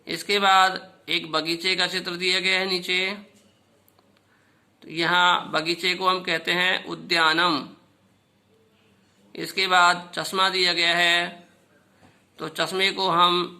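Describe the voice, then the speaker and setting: A man teaching a school Sanskrit lesson to children, talking slowly and patiently, often checking in with the class and sounding out each word for them to repeat. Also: high-pitched, pushed and bright. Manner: pronounces words slowly for students to repeat.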